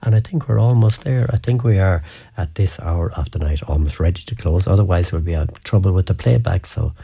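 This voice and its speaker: A man with a west of Ireland accent hosting a radio show, reading out listeners' messages in a folksy, unhurried, appreciative way. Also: sits low, gravelly, dark tone, breathy edge.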